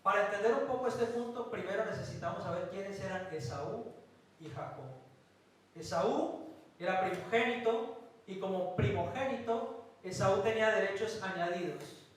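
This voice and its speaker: A man from Colombia, a pastor, preaching a sermon with emphatic pauses and rhetorical questions. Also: sits high. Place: church hall. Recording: very echoey hall from a distance.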